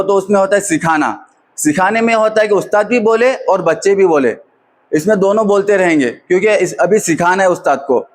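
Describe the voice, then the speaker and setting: A high-voiced man drilling a class. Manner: patient question-and-answer drilling. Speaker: teacher trainer. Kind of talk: classroom teaching demonstration.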